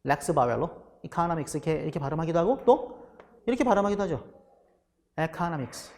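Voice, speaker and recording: A man teaching a lecture class in a high, bright voice. He keeps asking questions and answering them himself. A long reverb fills the room around him. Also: lively intonation, fast. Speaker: English teacher for exam prep. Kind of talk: recorded lecture.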